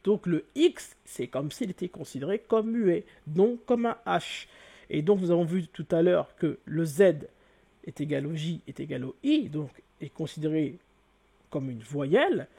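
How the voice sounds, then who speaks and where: A man with a slightly high, husky voice teaches an informal lesson. His tone is dark and mellow. He explains things patiently and circles back over each point again and again. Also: lively intonation, measured pace. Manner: repetitive, explanatory, many "donc" and "hein". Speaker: self-taught etymology teacher.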